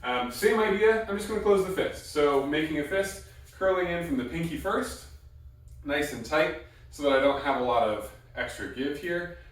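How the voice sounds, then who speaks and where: A man's voice: fairly high pitch, animated, normal speed. A man teaching a martial arts technique, explaining step by step in plain instructional talk with short, repeated cue words. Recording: very echoey room, distant mic.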